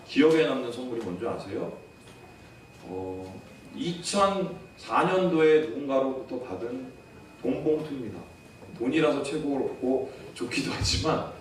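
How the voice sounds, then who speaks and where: A man's voice: medium pitch, slight background noise. A man in his thirties preaching a sermon as pastor, earnest and storytelling, asking the congregation rhetorical questions. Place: church sanctuary. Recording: echoey church hall from far off.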